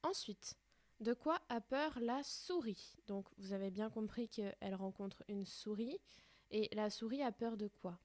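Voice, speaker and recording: A woman's voice: medium pitch, measured pace, darkish tone, dry recording. A woman teaching a primary school class in a recorded remote lesson, explaining patiently step by step.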